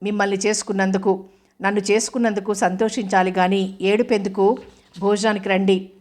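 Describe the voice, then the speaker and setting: A woman's voice: medium pitch, level tone, brisk, a little mellow, natural voice. A woman reading the part of a hurt, reproachful young wife in an audio novel.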